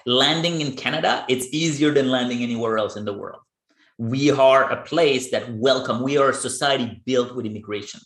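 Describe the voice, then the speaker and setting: A man's voice: medium pitch, normal speed, fairly bright tone. Man hosting a podcast, echoey room. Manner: earnest, explaining in plain terms. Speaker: podcast host. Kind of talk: podcast interview.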